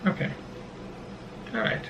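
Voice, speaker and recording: A man co-hosting a vlog in casual chat, rambling and self-deprecating, with halting restarts. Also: fairly bright tone, lo-fi sound, a little hiss or hum. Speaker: vlog co-host. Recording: roomy echo.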